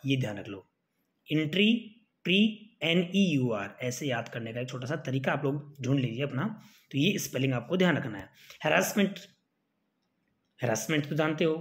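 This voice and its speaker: A male teacher giving an exam-prep spelling lesson, spelling words letter by letter and coaxing his students to remember them. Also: medium pitch. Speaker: English teacher.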